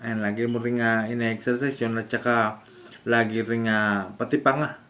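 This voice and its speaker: A man from the Philippines, a stroke survivor, casually demonstrating home exercises with halting speech, frequent fillers and restarts, and often laughing as he explains. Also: mid-range voice, fairly even intonation, a bit bright, a little hiss or hum. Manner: polite, addresses viewers respectfully. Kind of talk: casual instructional vlog.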